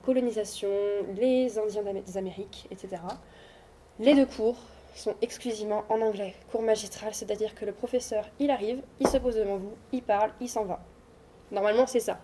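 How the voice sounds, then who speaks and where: A young adult woman, a student, giving an informal, reassuring talk to high schoolers in a school room, hesitating often with fillers. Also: dark tone, a little hiss or hum. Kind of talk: informal presentation.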